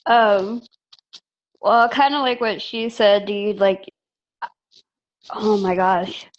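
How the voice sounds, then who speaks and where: A woman's voice: medium pitch, fairly even intonation, takes it slowly. A young woman on a video call, speaking in an emotional, casual way with lots of filler words. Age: young adult. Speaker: team member. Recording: muffled lo-fi call audio.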